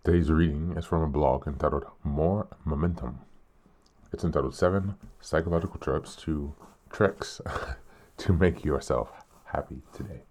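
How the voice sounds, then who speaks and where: Calm and earnest, a very deep-voiced podcast host reads a reflective piece with deliberate pacing. There is a slight hoarseness to him, as if he is somewhat ill.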